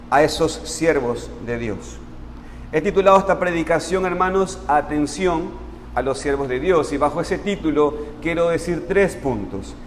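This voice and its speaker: A man's voice: sits high, big-room sound, a little hiss or hum. A man preaching a sermon to his congregation in an earnest, explanatory way, often calling them brothers. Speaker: pastor. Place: church sanctuary.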